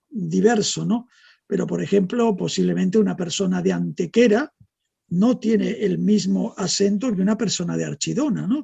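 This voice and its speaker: A middle-aged man from Argentina with an Argentine accent softened by years in Spain, explaining things in a measured way and often adding tag questions as an interview guest. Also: sits high, gravelly, husky. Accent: Argentine, softened by decades in Spain. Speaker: guest neurologist. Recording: dull, muffled audio.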